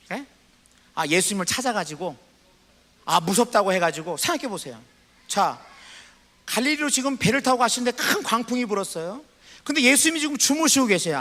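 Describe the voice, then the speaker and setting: Lively, bright-voiced Korean pastor preaching. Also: male voice, very high-pitched, long reverb tail. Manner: animated preaching, asks the congregation questions; reads scripture aloud slowly. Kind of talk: sermon. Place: church sanctuary.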